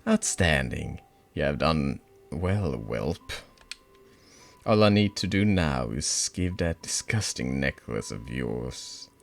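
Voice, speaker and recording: A scornful demonic mistress in a role-playing game, played by a man. She talks down to her servant in a haughty, condescending way. Her voice is extremely deep and rough, and she speaks slowly. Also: sing-song, soft background music, heavily acted.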